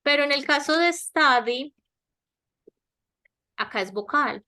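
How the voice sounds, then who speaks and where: Slow, bright-voiced woman teaching grammar. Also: high voice, animated. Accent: Latin American Spanish. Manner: slow, explanatory, checks understanding with repeated questions. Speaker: English teacher. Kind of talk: online grammar lesson. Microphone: webinar headset or laptop mic.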